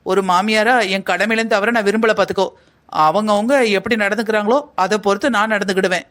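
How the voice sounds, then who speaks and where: A man's voice: high-pitched, fairly even intonation, quick pace, a bit bright. A man voicing a proud, stern middle-aged mother-in-law in a cartoon family drama, speaking in a firm, bossy way.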